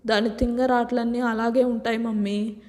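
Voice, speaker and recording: A woman's voice: a little high, flat delivery, moderate pace, a little mellow, close to an everyday voice. A woman voicing a sarcastic, exasperated rich young husband, with a long reverb. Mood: mocking. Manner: mocking, exasperated.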